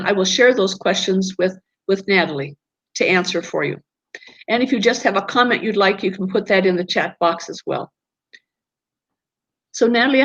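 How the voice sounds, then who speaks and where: A woman's voice: mid-range voice, highs cut off. A woman hosting an interview series on a video call, appreciative as she introduces her guest and asks questions. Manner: warmly appreciative, reads introductions. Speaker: host.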